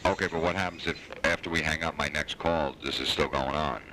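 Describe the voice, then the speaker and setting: A man on a phone call, speaking in a calm, flat monotone. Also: very deep voice, a little fast, noisy background. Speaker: prank call recipient.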